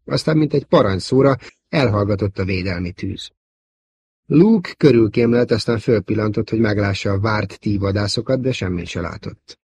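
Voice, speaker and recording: Brief: male audiobook narrator, low husky voice, dry close sound, steady storytelling. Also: no room sound. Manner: measured storytelling. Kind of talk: scripted narration.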